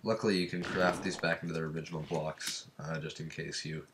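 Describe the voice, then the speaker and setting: A man's voice: a bass voice, steady tone, quick pace, background noise. A man with a stuffed-up cold giving casual let's-play commentary, rambling and thinking aloud while he counts and crafts. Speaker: gameplay commentator.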